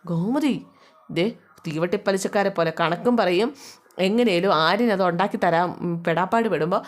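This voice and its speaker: A woman's voice: fairly low pitch, moderate pace, natural voice. Woman voicing a grumpy older man, scolding, indignant questions, raised voice.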